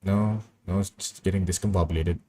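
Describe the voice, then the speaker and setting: Husky-voiced young man chatting casually. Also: low-pitched, steady tone, brisk, warm tone. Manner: rambling, anecdotal, easily amused. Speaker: animation streamer. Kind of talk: casual chat while animating.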